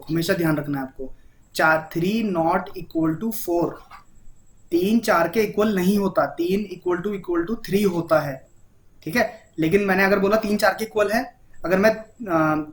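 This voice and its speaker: A man with an Indian accent teaching a programming lesson in a casual, chatty way, often checking in with his listener and mixing English terms into his talk. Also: high voice. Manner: repeats "ठीक है?" and mixes English terms into Hindi. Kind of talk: casual Hindi coding lesson.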